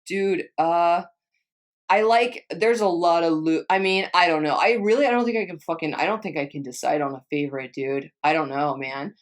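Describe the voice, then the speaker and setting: Speaking at a normal speed in a voice on the low side, a young woman from Texas casually answers her viewers' questions. Her vlog chat wanders, is full of swearing, and often stops and restarts.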